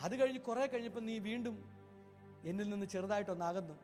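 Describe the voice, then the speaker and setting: A preacher voicing the gentle Lord, soft and tender. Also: male voice, high voice, fast, faint music behind, natural voice. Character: gentle loving Lord speaking to a soul in heaven.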